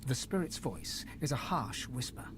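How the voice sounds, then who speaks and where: A man acting as the grave narrator of a fantasy video game, reading scripted lines in a measured, dramatic way. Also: medium pitch, very animated, background noise, lightly acted.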